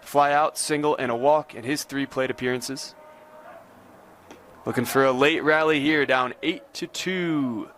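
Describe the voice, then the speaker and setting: A sports announcer delivers live baseball play-by-play in a medium-pitched, somewhat bright voice with fairly even intonation and a measured pace. Slight background noise is audible.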